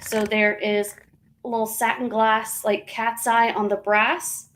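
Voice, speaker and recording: Woman, casual live-stream seller, slightly high pitch, rambling, fillers and self-corrections. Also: little pitch movement, unhurried, fairly bright tone, low-quality recording.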